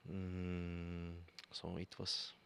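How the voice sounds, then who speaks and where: Deep, gravelly-voiced male pianist. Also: completely flat delivery, drawn-out words, fairly bright tone. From Bulgaria. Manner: searching for words, many fillers. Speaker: guest pianist. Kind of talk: conversational interview.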